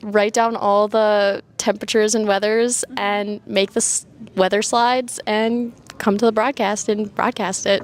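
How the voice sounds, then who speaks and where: A woman's voice: medium pitch, level tone, unhurried. A young woman who presents the weather on a student show, talking in a candid, offhand way. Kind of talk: casual interview answers.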